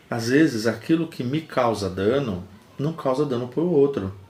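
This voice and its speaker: A man speaks at a middle pitch, talking a live audience through a lesson. He is calm and patient, repeats key words for weight and leans on simple everyday examples. The recording carries a noticeable roomy echo. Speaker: live stream host. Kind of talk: teaching talk to a live audience.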